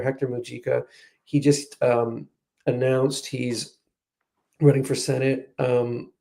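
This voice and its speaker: This political strategist, a guest in a commentary interview, has a warm, mid-range voice with vocal fry. He talks through his analysis conversationally, restarting often and leaning on "you know."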